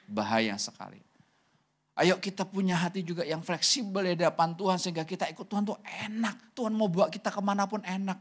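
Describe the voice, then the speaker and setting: A male pastor preaching at a church service in an emphatic manner. He swings between forceful emphasis and near-hushed asides. He keeps turning to address the congregation. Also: high voice, a little fast, breathy edge. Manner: emphatic, swings from loud to very soft. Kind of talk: sermon.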